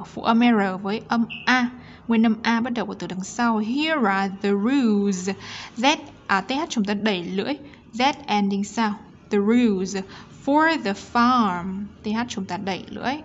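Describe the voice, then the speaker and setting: A Vietnamese woman with a Vietnamese accent, teaching English pronunciation to children slowly and step by step, often checking with "ok". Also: a little high, muffled recording, slight background noise. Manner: slow, explains sounds step by step, often asks ok.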